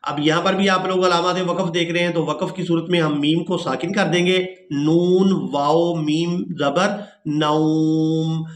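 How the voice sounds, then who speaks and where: A man teaching tajweed, spelling out letters and vowel marks, then chanting each verse slowly and melodically. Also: a little high, fairly even intonation. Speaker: Quran recitation teacher. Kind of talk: tajweed lesson with chanted recitation. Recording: echoey room.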